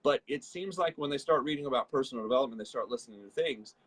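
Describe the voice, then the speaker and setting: A man co-hosting a leadership show, giving an energetic motivational talk about network marketing and acting out the people he quotes. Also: medium pitch, quick pace, rough recording.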